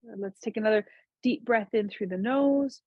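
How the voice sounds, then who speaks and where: A woman teaching a seated yoga class, giving calm, gentle cues to breathe and move. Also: mid-range voice, normal speed, dry recording, phone-quality sound. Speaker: yoga instructor. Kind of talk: guided chair yoga instruction.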